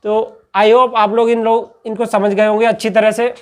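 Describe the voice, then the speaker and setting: A male teacher with a smooth voice that sits high and barely moves in pitch lectures at a normal speed. Patient and repetitive, he asks questions, answers them himself, and says "okay" after every point in this classroom-style talk.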